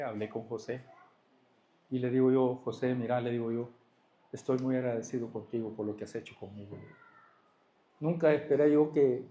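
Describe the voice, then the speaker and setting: A man's voice: mid-range voice, dark tone. A man giving a church testimony, telling his story and acting out both sides of a conversation. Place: church hall. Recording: echoey church hall.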